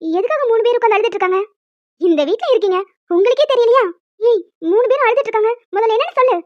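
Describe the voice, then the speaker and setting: Woman putting on a bossy, sharp-tongued mother-in-law. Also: very high-pitched, racing, no room sound. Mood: scolding. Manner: scolding, blunt. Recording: dry, dull lo-fi audio, faint music.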